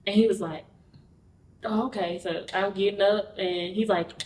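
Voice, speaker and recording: A woman's voice: medium pitch, steady tone, normal speed, darkish tone, a little hiss or hum. A woman guest on a podcast telling her personal story frankly, acting out the voices of the people in it. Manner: frank, acts out quoted dialogue while recounting. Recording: roomy, distant mic.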